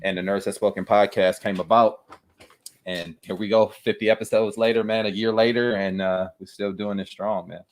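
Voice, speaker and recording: Low-voiced easygoing male podcast co-host. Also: flat delivery, normal speed, slight background noise. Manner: easygoing, says "man" a lot. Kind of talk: casual chat.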